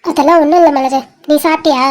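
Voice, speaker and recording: A heartbroken young woman in a cartoon voiced by a performer speaks. She talks softly and haltingly through tears and pleads. She stays stubborn about her hurt. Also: sits high, steady tone, natural voice. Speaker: animated series character. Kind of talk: dramatic cartoon dialogue.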